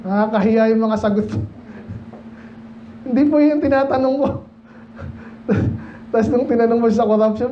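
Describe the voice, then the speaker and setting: A man from the Philippines preaching a midweek sermon and Bible study. He talks to the congregation in a loose, digressive way, asks them questions, and slows down to read King James verses. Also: high voice. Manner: mixes Tagalog talk with slow King James readings. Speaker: pastor. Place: church. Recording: dull lo-fi church recording with faint noise.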